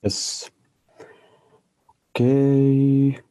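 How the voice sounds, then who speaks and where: A man's voice: medium pitch, completely flat delivery, very slow, mellow. A man giving a technical tutorial on a video call while sharing his screen, often stopping to search for his words. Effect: speaking on a video call while sharing his screen. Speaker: tutorial presenter.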